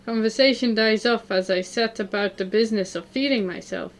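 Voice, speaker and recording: A woman's voice: a little high, brisk, natural voice. A woman reading the part of an awkward, reflective teenage boy narrating a visual novel.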